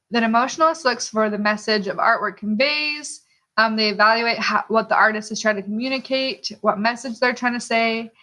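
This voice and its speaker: An art teacher gives an instructional lesson, asking the listener rhetorical questions and checking in with "okay" as she explains. Her medium-pitched voice is bright and forceful, captured in a rough recording.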